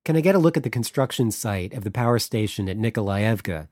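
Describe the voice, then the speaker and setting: A man's voice: on the low side, expressive, fast, a little mellow, dry recording, studio quality, close to an everyday voice. A man voicing an awkward male journalist who speaks hesitantly and politely.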